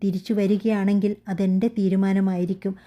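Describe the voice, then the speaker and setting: A woman voicing a hurt young wife who grows firm, speaking in a quiet, steady way. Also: mid-range voice, brisk, close to an everyday voice. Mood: resolute. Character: young wife, hurt but growing resolute.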